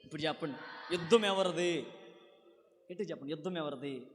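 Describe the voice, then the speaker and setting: Male preacher, animated call-and-response sermon, high voice, long church-hall reverb. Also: brisk, slight background noise. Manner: animated, urges the congregation to answer loudly.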